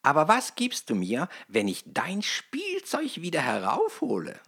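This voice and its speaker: A woman voicing a male frog in a well in a fairy tale, speaking slowly and coaxingly as he bargains. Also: huge pitch swings, a bit bright, heavily acted. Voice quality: deep and gravelly.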